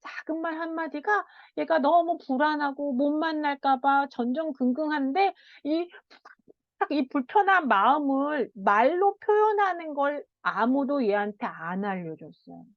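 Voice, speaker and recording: A woman child counselor giving a parenting lecture, animated, often laughing and acting out what children and parents say. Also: high-pitched, measured pace, no room sound. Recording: dull, dry sound.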